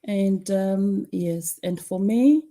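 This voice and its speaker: A woman's voice: mid-range voice, takes it slowly, mellow. An older woman from Fiji hosting an online live chat, talking with many hesitant fillers. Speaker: host.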